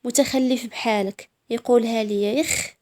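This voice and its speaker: A woman's voice: high voice, moderate pace, a little mellow. A woman with a Moroccan accent narrating a first-person story in a proud, sassy way.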